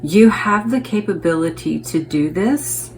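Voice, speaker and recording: A woman with a low, gravelly voice gives a relaxed tarot reading, chatting as she turns each card. She thinks out loud and keeps checking in with her viewers. There is faint noise behind her. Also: measured pace, poor audio. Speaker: tarot reader.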